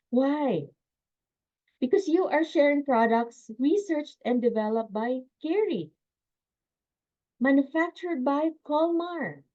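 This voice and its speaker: A woman gives a sales training lecture over a video call, energetic and emphatic, with quick laughs between her points. The call audio is a little dull and muffled. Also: on the high side.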